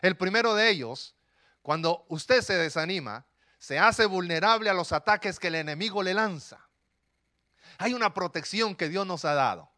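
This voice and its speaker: A man's voice: high-pitched, normal speed. A male pastor preaching a sermon, telling stories with rhetorical questions to the congregation. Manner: animated storytelling with rhetorical questions.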